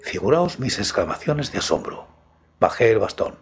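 A man's voice: lowish voice, big pitch swings, moderate pace, husky. A man with a Spain Spanish accent narrating in the first person as a storytelling host.

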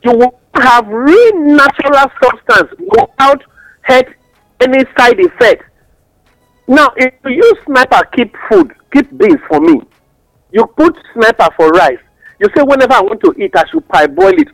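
A man's voice: extremely high pitch, very animated, unhurried, a bit bright, no echo, poor audio. A man with a Nigerian accent explaining things in West African Pidgin English, teaching through examples and rhetorical questions as a radio guest giving advice.

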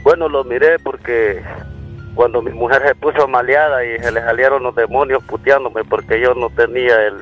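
A man's voice: mid-range voice, steady tone, normal speed, narrow, tinny audio, faint music behind. Man caller with a demonic voice filter. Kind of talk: phone-in story.

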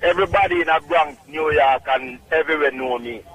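A man's voice: fairly high pitch, brisk, a bit bright, poor audio. A man with a Jamaican accent calling in to a radio show, talking emphatically and insistently. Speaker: radio caller. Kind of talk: phone-in testimonial.

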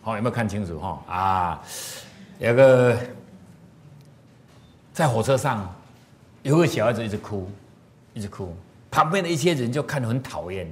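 A man's voice: fairly low pitch, moderate pace, long pauses. A man giving a moral lecture through stories, often asking the audience questions. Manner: animated, asks the audience questions. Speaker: moral teacher.

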